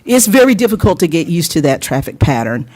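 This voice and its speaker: An older woman from North Carolina giving an earnest, measured public comment at a council hearing, with a little wry humor. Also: on the low side, sing-song, darkish tone. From Lenoir, North Carolina. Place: city council chambers.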